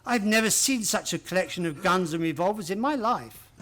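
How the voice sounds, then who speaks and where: A man acts a loyal gentleman doctor in a radio mystery. His voice is notably high for a man. He speaks earnestly, in an old-fashioned, slightly bemused way. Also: expressive, brisk. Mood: puzzled, astonished. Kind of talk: radio play acting.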